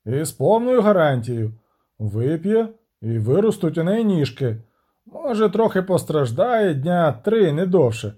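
A demanding, lovesick prince, as a male narrator plays him in an audiobook, quick to anger and used to getting his way. His voice is mellow and rises and falls in lively swings. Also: fairly high pitch, breathy edge, exaggerated voice. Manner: demanding, hot-tempered. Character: proud stubborn male prince in love.

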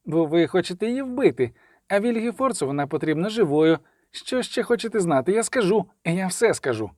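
A man voicing a panicked captive male sorcerer spy who pleads in shrill, rushed bursts. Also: big pitch swings, a little mellow, dry recording, clean studio sound. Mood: pleading.

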